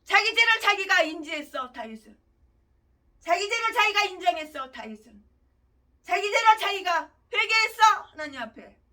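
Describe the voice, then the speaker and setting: A woman pastor preaching a sermon. She rants and lurches between shouting and muttering. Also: very high-pitched, far from the mic. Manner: ranting, abrupt swings between shouting and muttering.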